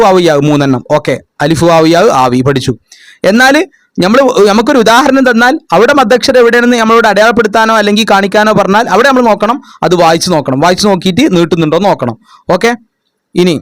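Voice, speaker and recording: Man, tutor, revision lesson, patient, asks and answers his own questions, fairly high voice, dry close sound. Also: dry recording. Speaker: madrasa tutor.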